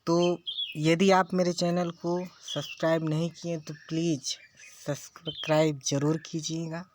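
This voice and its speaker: A man's voice: a little high, flat delivery, unhurried, a little mellow, a little hiss or hum. A man teaching a lesson, who repeats key phrases and keeps checking in with his listeners. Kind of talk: slow classroom lecture.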